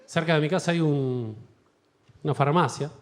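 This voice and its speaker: A man with an Argentine accent doing a stand-up comedy set in a theater, telling animated stories and acting out voices. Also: a little high, normal speed. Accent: Argentine Spanish. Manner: animated storytelling with acted-out voices. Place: large theater with live audience.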